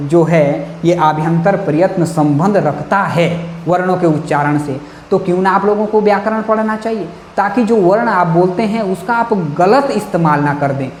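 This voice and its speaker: A man's voice: high-pitched, darkish tone. Man, Sanskrit teacher, exam-prep lecture, repeats himself, roomy echo, faint hiss. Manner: repeats points, says "jī hā̃" often. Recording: echoey room with faint noise.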